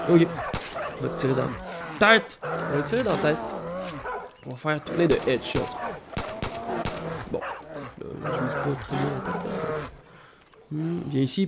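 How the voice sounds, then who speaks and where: A man with a Québécois accent giving excitable, swearing gameplay commentary while he has the flu. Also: a little high, gravelly, background noise. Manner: excitable, swears often, loud outbursts. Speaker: gaming YouTuber.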